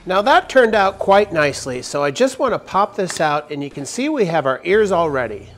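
A high-pitched, slightly bright man's voice swings widely in pitch at a normal pace, backed by soft music. He's a woodworking host in his forties, guiding viewers step by step through a tutorial in a large wood-walled workshop, miked with a lapel mic. He sounds upbeat and starts sentences with emphasis.

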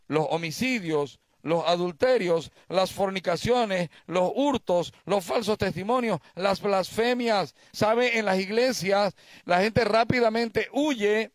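A man's voice: sits high, dry recording. A male pastor preaching a sermon, asking the congregation questions and telling them stories.

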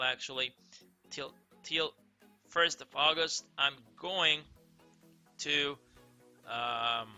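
Streaming a game on webcam from an indoor room, a young man from Greece reads viewer comments in casual, Greek-accented chat. His fairly high voice sounds pushed and bright, and he rambles loosely, packing in fillers and saying "crazy" again and again.

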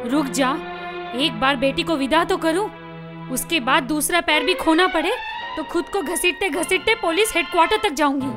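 A woman's voice: high-pitched, moderate pace, close to an everyday voice. An actress playing a middle-aged mother who has lost a leg, tender with her children and fierce with thugs, in dubbed film dialogue. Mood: defiant. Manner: tearful pleading then fierce defiance. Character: injured widowed mother, defiant and proud. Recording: film soundtrack with loud music.

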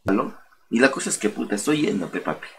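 Young Peruvian man, low-pitched, slangy streamer telling a story, light background noise. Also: lively intonation, fast, creaky, a bit bright. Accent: Peruvian Spanish. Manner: slangy, swearing, colorful street talk.

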